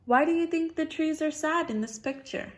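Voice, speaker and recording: Reading a picture book aloud to a child, a woman with a high voice speaks at normal speed. She's encouraging, asks questions as she goes, and often echoes the child's answers back as questions.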